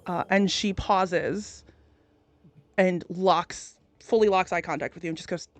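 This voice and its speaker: A woman's voice: fairly low pitch, measured pace, no echo. Woman game master narrating off the cuff, informal, swears a bit, dry sound. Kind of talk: improvised tabletop game narration, casual.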